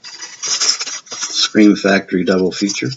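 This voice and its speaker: Older man, Southern US accent, low voice, rambling casual collector chat, dull lo-fi recording with faint hiss. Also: flat delivery, slow pace. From Virginia, USA. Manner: chatty, rambling, self-deprecating. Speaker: collector showing his film pickups. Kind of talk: casual show-and-tell vlog.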